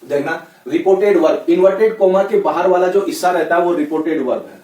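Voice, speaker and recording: A man with a Rajasthani Hindi accent and a fairly high voice, teaching grammar in a loose, chatty classroom way. He keeps checking in with his listeners. The echoey room and his distance from the mic give the sound a hollow edge. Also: a little fast, mellow. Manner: chatty, repeats "ठीक है, है ना" constantly. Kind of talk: casual classroom lecture.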